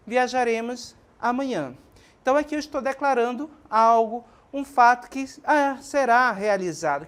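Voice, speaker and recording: A woman teacher with a Brazilian Portuguese accent giving a classroom lesson, explaining step by step and often checking in with "ok?" and "certo?". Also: medium pitch. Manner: didactic, frequent checking questions like ok and certo; addresses students warmly as minha gente and pessoal.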